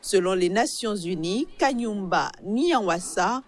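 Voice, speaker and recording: Woman reading a news report, measured. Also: mid-range voice, animated. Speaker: news reader.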